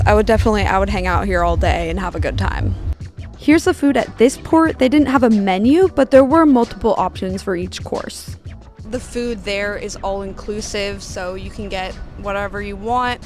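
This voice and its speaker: Chatty young woman vlogging candidly. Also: mid-range voice. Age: young adult. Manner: chatty, candid, filler-heavy ("like", "you know"). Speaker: travel vlogger. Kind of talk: casual travel vlog narration. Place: cabana day bed on a beach, outdoors.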